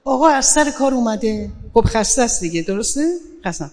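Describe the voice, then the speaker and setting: A woman speaking as a guest on family life, giving advice in an animated way and acting out short quoted exchanges. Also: a little high. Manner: animated, acts out little quoted dialogues. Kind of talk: lively advice talk on a stage. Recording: long hall reverb.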